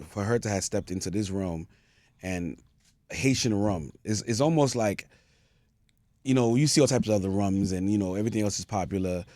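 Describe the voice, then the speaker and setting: A man's voice: lowish voice, darkish tone, no echo, studio quality. A man who works as a DJ, talking laid-back and rambling, with many fillers. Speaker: DJ, guest. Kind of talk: conversational interview.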